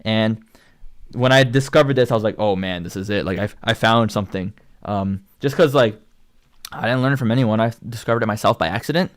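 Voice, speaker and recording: A young Canadian man, a singer and channel host, chats casually on a livestream about his own vocal progress, rambling and packing in likes and ums. He speaks in a lowish voice, fairly quickly, with a Canadian English accent.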